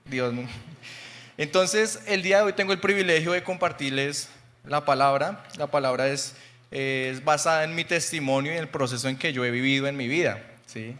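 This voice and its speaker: Young Bogotá preacher in his twenties, slightly high voice, chatty testimony sermon, long hall reverb. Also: moderate pace, a bit bright. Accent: Bogotá Colombian Spanish. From Colombia. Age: 20s. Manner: chatty, laughs often, frequent "¿sí?" checks. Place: church sanctuary.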